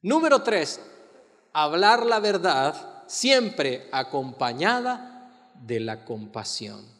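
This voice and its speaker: Guy pastor preaching, kinda high voice, punchy then soft, lots of hall echo. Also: very animated. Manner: emphatic preaching, swinging between loud stresses and soft, slow asides; invites the congregation to repeat lines. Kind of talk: sermon.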